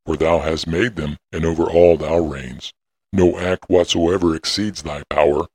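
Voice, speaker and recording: An ancient prophet, speaking in grave, archaic cadences. The voice sits at the very bottom of the range, with a breathy, husky grain. It is recorded close and dry, with no room sound. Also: male voice, fairly even intonation, a little slow, a little mellow, no room sound, full character voice. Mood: prayerful. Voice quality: very deep husky voice. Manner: solemn, intoning, archaic prayerful delivery. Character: ancient prophet Enoch, solemn elderly man. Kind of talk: dramatic audio reading.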